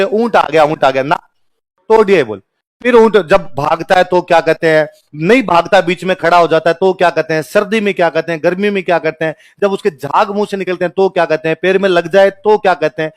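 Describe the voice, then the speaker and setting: A man teaching history, telling stories, joking and quizzing the class. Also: sits high. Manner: chatty, jokes and laughs. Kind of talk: history lecture with storytelling.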